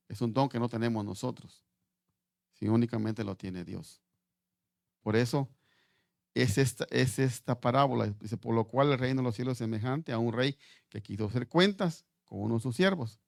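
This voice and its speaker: A man preaching a sermon in Spanish, halting and repeating words as he reads scripture aloud. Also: medium pitch, creaky, a little mellow, no room sound, clean studio sound.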